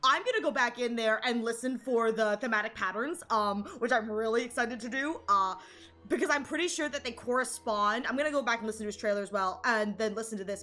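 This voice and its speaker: A young woman chats live as a game streamer, excitable and gushing, stumbling over quick restarts as she reacts. Her voice sits a little high and rings bright and forceful. Faint game music plays underneath.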